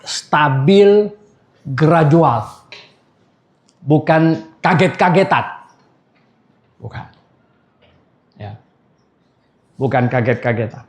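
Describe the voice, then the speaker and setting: A man's voice: on the high side, extremely slow, pauses often. An older man, a pastor, giving an anniversary sermon in a chatty storytelling way, laughing and calling out questions to the congregation.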